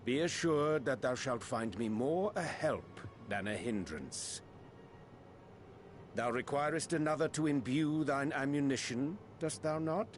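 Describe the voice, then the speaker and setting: A man plays a grave, dutiful scholar in a fantasy game. His mid-pitched voice moves expressively through formal, verse-like archaic phrasing, with faint music behind. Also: lively intonation, measured pace, close to an everyday voice. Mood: solemn, formal. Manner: archaic thee-and-thou speech in verse-like formal cadence. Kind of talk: scripted fantasy game acting.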